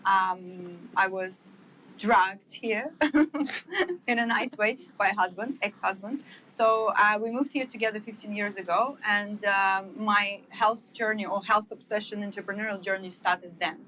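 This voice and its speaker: Woman from Estonia, bright tone, chatty guest who piles on fillers. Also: mid-range voice, measured pace, a little hiss or hum, low-quality recording. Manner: eager, rambling, with many fillers. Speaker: guest, wellness entrepreneur. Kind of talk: casual interview storytelling.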